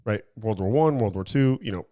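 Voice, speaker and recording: He has a lowish, warm voice, expressive and fairly quick. As co-host of a casual talk podcast, he explains by analogy and asks his partner leading questions, often breaking off to restart.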